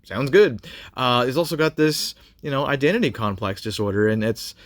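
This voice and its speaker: A man's voice: medium pitch, moderate pace, dry recording, studio quality. A man giving a casual spoken review of a TV episode, rambling with many fillers and restarts.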